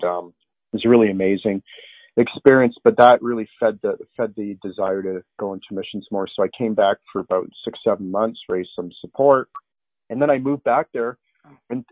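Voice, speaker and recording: A middle-aged man gives earnest, rambling testimony as an interview guest, often restarting his sentences. His fairly low voice sounds dry and close, with no echo. The audio is narrow and tinny, like a phone line.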